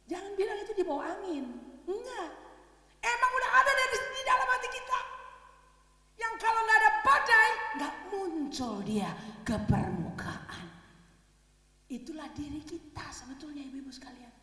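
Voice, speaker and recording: A woman's voice: very high-pitched, animated, normal speed, pushed and bright. A woman giving a conversational sermon to a women's congregation. She often asks the listeners for agreement and laughs easily as she preaches. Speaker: preacher at a women's worship service. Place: large worship hall. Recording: echoey hall, voice from a distance.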